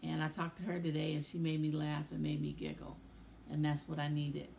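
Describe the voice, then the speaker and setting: A middle-aged woman talking in a casual video diary, weary and emotional, speaking haltingly with many pauses. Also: low voice, little pitch movement, gravelly, a little mellow, slight background noise. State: tired and tearful. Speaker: vlogger.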